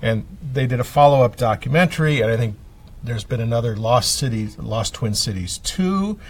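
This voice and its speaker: A man's voice: mid-range voice, expressive, normal speed, husky. Guy rattling off book titles with lots of ums, kinda far from the mic. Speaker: librarian guest. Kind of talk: casual radio chat.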